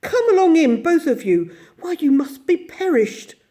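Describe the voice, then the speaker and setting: A woman voicing a gruff but kindly old male badger who speaks heartily, in a storybook reading. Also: high-pitched, very animated, unhurried, warm tone, voice pushed up. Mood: hearty. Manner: hearty, grave.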